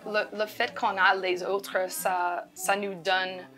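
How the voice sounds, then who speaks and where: A woman answers interview questions as a school director. She speaks slowly and haltingly, repeating small words as she goes. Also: mid-range voice, little pitch movement, bright, forceful tone. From Louisiana, United States. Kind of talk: conversational interview.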